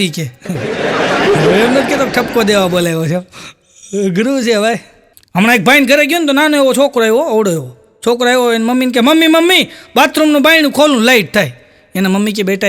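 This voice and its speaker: A man telling stand-up jokes, acting out the characters' lines in a higher voice. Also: fairly bright tone. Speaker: stand-up comedian.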